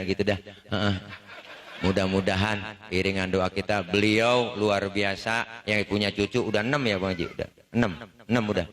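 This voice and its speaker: Betawi preacher telling lively stories. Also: male voice, sits low. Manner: lively storytelling, acting out scenes with voices. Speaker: Islamic preacher. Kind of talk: humorous sermon at a religious family gathering.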